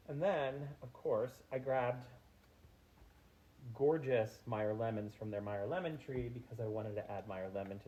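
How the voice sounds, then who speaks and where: A man's voice: medium pitch, darkish tone. A man hosting a casual home cooking demonstration in his kitchen, chatty and gushing, with frequent ums. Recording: tinny phone-like audio.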